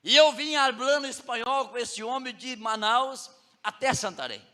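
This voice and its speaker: A man's voice: extremely high pitch, normal speed, big-room sound. A male pastor with a Brazilian Portuguese accent preaching a sermon, telling a story and putting emphatic questions to the congregation. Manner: animated, emphatic, asks the audience questions.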